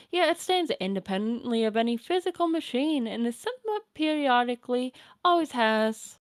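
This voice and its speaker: A woman's voice: sits high, clean tone, dry recording, studio quality. A woman voicing a doting, clownish ghost grandmother sprite in a quavering old-lady voice with a hooting laugh. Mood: teasing.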